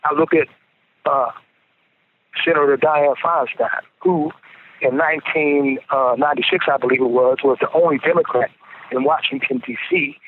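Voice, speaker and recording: Calling from prison on a payphone, a man speaks earnestly in a rather high, gravelly, very animated voice at a moderate pace, often repeating words as he restarts. The tinny handset line carries slight background noise during this casual phone interview.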